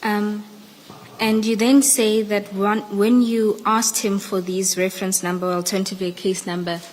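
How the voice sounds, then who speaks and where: Even-toned South African woman questioning a witness. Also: mid-range voice, moderate pace. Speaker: evidence leader questioning a witness. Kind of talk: formal questioning at a commission hearing. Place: large indoor hearing room. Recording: echoey hearing room, background noise.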